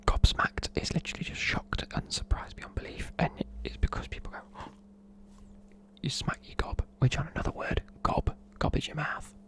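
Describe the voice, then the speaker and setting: The speaker, a British-accented presenter from the United Kingdom, explains slang in a chatty, matey whisper typical of ASMR. Delivery is brisk with few pauses, and the tone is fairly bright.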